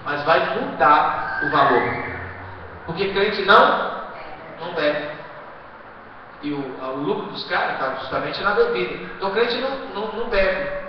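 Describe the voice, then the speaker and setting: A man preaching a sermon to his congregation, asking rhetorical questions and swinging between quiet asides and loud exhortation. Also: sits high, animated, a little slow, long pauses, noisy background. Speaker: pastor. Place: church hall. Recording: echoey hall, distant muffled live stream.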